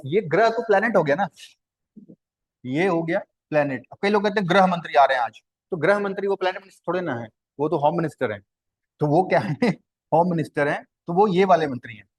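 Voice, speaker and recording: A male teacher with a somewhat high voice leads a lesson on Hindi translation. He explains patiently and repeats himself, poses questions to the class and answers them himself. His delivery is conversational and instructive. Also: slightly rough.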